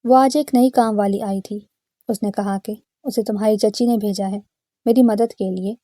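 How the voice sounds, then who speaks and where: A woman voicing a frail, kind elderly grandmother who speaks gently and soothingly. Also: mid-range voice, steady tone, dry recording, studio quality, close to an everyday voice. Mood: gentle.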